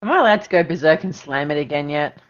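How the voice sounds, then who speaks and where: A woman's voice: sits low, animated, fast, dull audio. A young woman playing a tabletop game online, giggly and teasing in her banter. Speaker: player.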